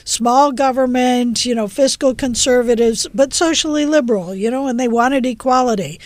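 A woman appearing as a journalist guest on a radio talk show, telling political stories in a lively, emphatic way. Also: on the high side, normal speed, no room sound. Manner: animated, emphatic storytelling. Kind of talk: casual political chat.

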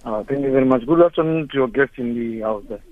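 Over a tinny phone line, a Zimbabwean man in his forties calls in to a talk show, speaking fast in a mid-range voice. Impassioned and angry, he makes emotional comments through repeated rhetorical questions.

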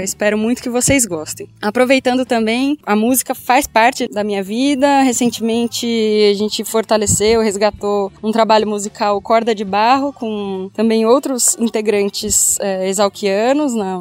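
Woman musician, even mid voice, thoughtful message over soft music. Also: medium pitch. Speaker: musician guest. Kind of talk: recorded message.

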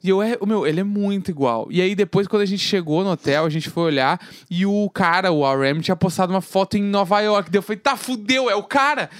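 A man with a Brazilian accent co-hosting a casual chat, telling stories in an animated way and acting out the voices of people he quotes. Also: high-pitched, fast, few pauses, smooth, dry recording, studio quality. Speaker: podcast co-host.

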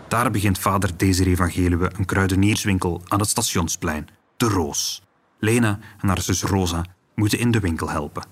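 Low-voiced Flemish male narrator. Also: background noise. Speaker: podcast host, narrator. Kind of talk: scripted documentary narration. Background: music.

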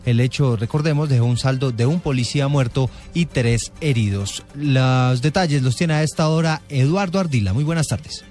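Man, radio news anchor, measured delivery, faint music bed. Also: mid-range voice, darkish tone. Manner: measured, announcing times and handing to reporters. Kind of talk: radio newscast.

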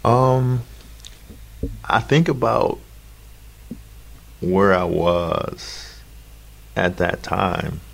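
Very deep, gravelly, thoughtful man. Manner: halting, thoughtful. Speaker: interview guest, photographer. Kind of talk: reflective conversational interview.

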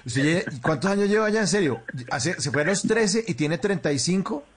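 A man hosting a talk show, introducing a guest and chiming in with quick agreement. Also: sits high, lively intonation, husky. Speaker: host.

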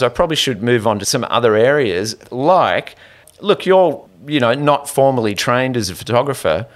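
A man hosting a podcast interview, telling a story in an animated, rambling way with restarts and trailing asides. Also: mid-range voice. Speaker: podcast host. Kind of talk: conversational interview.

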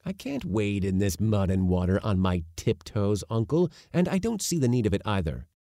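A man's voice: on the low side, big pitch swings, moderate pace, mellow, no room sound, studio quality, pitched above the performer's own voice. A man voicing a young nephew who protests in a matter-of-fact way. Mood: protesting. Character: eager, cheeky young man, the uncle's nephew.

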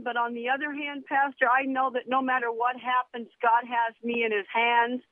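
A woman's voice: high-pitched, dry recording. A woman in her sixties, a retired nurse, calling in to a radio show and talking earnestly and devoutly. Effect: calling in over a phone line. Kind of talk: casual chat. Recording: tinny phone line.

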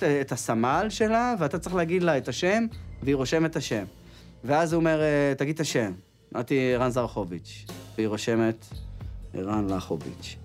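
A man comedian telling comic army stories, mimicking a shouting sergeant. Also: a little high. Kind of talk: comic storytelling.

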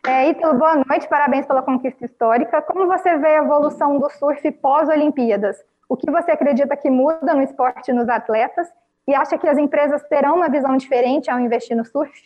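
A woman moderating a press conference, briskly reading out questions. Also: high-pitched, highs cut off.

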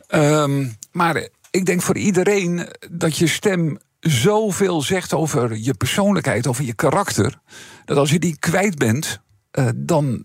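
A middle-aged Dutch man, a former radio presenter, talking reflectively as a guest with a husky, strained voice and many fillers. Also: on the high side, no echo, clean studio sound. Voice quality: husky, strained voice from vocal cord problems. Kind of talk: casual interview talk.

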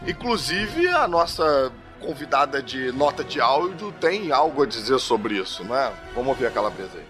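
A man with a Brazilian accent hosting a casual podcast chat, animated and swearing freely. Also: mid-range voice, moderate pace, music in the background. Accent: Brazilian Portuguese. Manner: animated, swears, acts out quotes. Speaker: podcast host.

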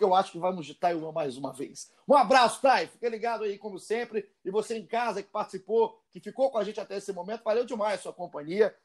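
A man with a Brazilian accent hosting a casual football show in a chatty, informal, emphatic way. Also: high-pitched. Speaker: sports podcast host.

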